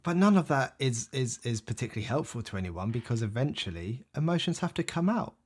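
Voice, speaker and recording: A man, a psychotherapist, giving a reflective reaction and thinking aloud in a measured way. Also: medium pitch, sing-song, slightly rough.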